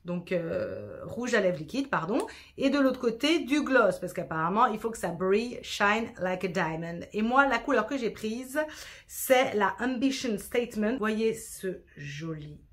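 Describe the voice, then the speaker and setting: A woman's voice: a little high, lively intonation, a little slow. A woman chatting through a makeup tutorial in a casual, self-deprecating way, sprinkling in English words. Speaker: beauty vlogger.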